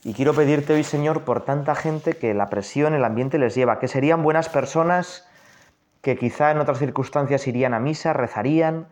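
Spaniard leading a quiet prayer meditation. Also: male voice, fairly high pitch, normal speed. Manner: intimate, addresses the listener directly, reflective. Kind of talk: guided prayer meditation with scripture reading.

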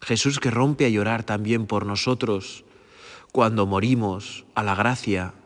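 Man, priest, gentle meditative sermon, repeats phrases, long church reverb. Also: fairly low pitch, fairly even intonation, unhurried. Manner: gentle, repetitive, prayerful, often asking "¿verdad?".

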